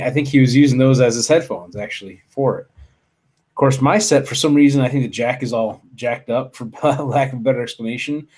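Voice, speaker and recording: A man's voice: medium pitch, darkish tone. A man hosting a casual live stream from a home office, talking into a desktop studio mic, rambling with lots of fillers, restarts and mild swearing. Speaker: livestream show host. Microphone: desktop USB studio mic.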